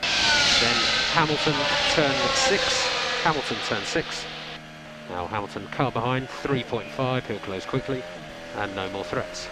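A man's voice: fairly low pitch, normal speed, heavy background noise. Man making terse pit radio calls. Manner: clipped, instructional, repeats short calls. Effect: team radio. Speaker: race engineer.

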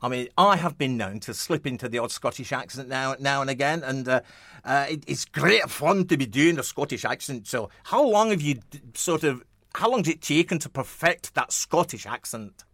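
A man's voice: mid-range voice, lively intonation, moderate pace, fairly bright tone, dry recording, clean studio sound. A man hosting a radio interview in a casual, chatty way, rambling with frequent restarts and fillers, and chuckling often. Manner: jovial, chuckling. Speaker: radio host. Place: radio studio.

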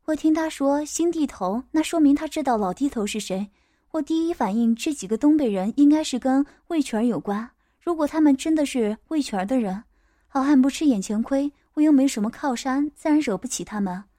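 A woman narrating a first-person audiobook story in a steady, plain way. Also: high voice, fairly quick, dry recording, clean studio sound.

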